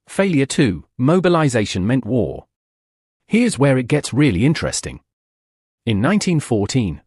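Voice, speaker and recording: A male narrator delivers a scripted history documentary with a husky, somewhat breathy, slightly mellow voice, punching out dramatic lines and asking rhetorical questions while his pitch moves up and down a lot. It's recorded up close and dry, with no room ambience.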